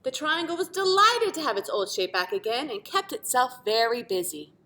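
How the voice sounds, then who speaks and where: In an expressive read-aloud of a children's picture book, a woman speaks at normal speed with a high, sing-song voice that sounds pushed and bright. Like a teacher, she stresses words dramatically and talks to young listeners; there's a little hiss or hum.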